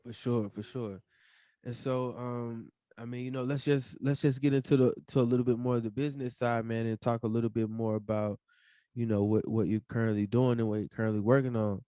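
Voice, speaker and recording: A man hosting a podcast, asking relaxed questions with many fillers like "you know". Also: medium pitch, fairly quick, no echo. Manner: laid-back, filler-heavy, says "for sure" and "man". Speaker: podcast host. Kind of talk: casual interview questions.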